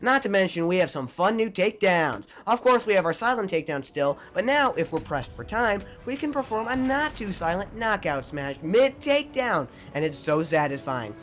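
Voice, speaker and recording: A man's voice: sits high, very animated, moderate pace, hardly any pauses, a bit bright, dull audio, faint music behind. A young man narrating a scripted video game review, enthusiastic and jokey with mild swearing. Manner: enthusiastic, jokey, mildly profane.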